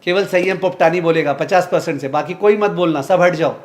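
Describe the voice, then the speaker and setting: Man teaching a live class, somewhat high voice, drills numbers in rhythm, teases students. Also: fairly quick. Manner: drills sums aloud in a repeated rhythm; teasing, calls on students by name. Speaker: finance teacher.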